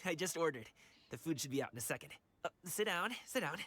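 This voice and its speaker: A man's voice: on the high side, lively intonation, fast talker, fairly bright tone, breathy edge. A man voicing a friendly, carefree young wushu dancer in a video game. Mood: hospitable, upbeat. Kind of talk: video game character voice acting. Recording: game music behind the voice.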